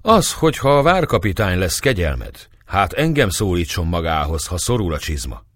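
An earnest, proud young soldier, eager and respectful toward his elders, as a male storyteller puts him on. His lines lift well above the reader's low natural voice, with lively pitch. The recording is dry and close. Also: no echo, full character voice.

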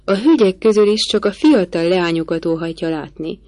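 A woman's voice: lowish voice, darkish tone, no room sound, close to an everyday voice. A woman voicing a nervous, deferential male footman in an audiobook. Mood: reporting. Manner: deferential, apologetic.

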